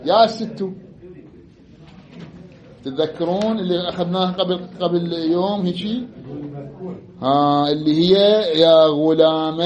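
A man's voice: a little high, a little mellow. A man with an Iraqi Arabic accent teaching a classroom grammar lesson. He repeats example phrases aloud and keeps checking whether his students remember. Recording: dull lo-fi recording.

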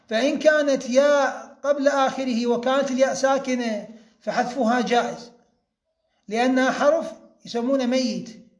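A man teaching a grammar lesson, explaining step by step, repeating key points and slowing down to spell out each example. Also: extremely high pitch, roomy sound.

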